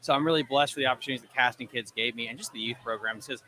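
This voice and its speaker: A man's voice: mid-range voice, rapid-fire, sharp tone, a little hiss or hum, low-quality recording. A man in his thirties, tired but talkative, chatting casually as a fishing show host on a live stream at an event. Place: booth in a large expo hall. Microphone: close desk podcast microphone.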